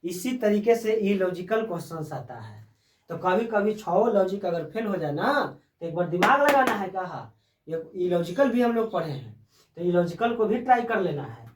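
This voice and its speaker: A male teacher giving a classroom lecture. He spells letters out slowly and keeps asking the class questions. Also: high-pitched, very animated, background noise. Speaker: reasoning teacher. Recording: echoey room, voice far from the mic.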